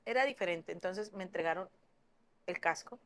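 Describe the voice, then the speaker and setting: A young woman telling a personal story in an earnest way, with halting restarts and fillers. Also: lowish voice. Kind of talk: personal story told to camera.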